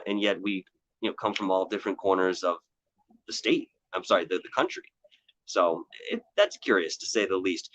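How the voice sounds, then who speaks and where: A man's voice: on the low side, fairly bright tone, dry recording. Chatty tired man streaming outdoors. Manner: rambling, greets viewers by name, upbeat. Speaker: paranormal show host. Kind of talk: casual live-stream chat. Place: outdoors on hills.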